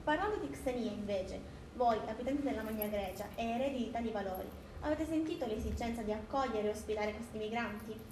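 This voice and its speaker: A woman's voice: fairly high pitch, quick pace. A young woman, a student interviewer, reading her questions in a careful, formal way. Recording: roomy distant mic with background noise.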